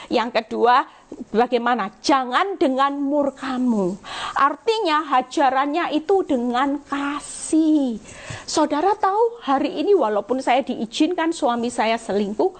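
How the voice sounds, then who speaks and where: Woman evangelist, high-pitched, emotional sermon delivery over a phone live stream, slows on key words.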